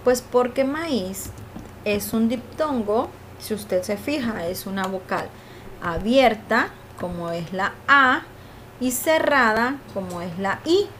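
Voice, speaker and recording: A woman teacher walks through a review lesson at an unhurried pace. She explains patiently and keeps checking in with her students. Her voice sits a little high, with faint noise behind it. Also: animated, fairly bright tone. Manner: slow, explaining patiently with filler "¿verdad?" and "eh".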